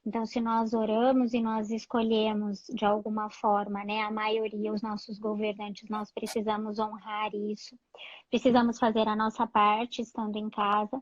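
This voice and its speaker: Calm woman psychologist, muffled live audio. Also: medium pitch, normal speed, no room sound. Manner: calm, reassuring, many "né?" fillers. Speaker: psychologist guest. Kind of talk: live-stream chat giving advice.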